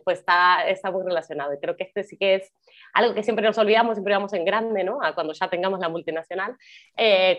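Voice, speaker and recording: A woman co-hosting a podcast, chatting casually about books with friendly laughs and fillers. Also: medium pitch. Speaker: podcast co-host. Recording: dull lo-fi audio.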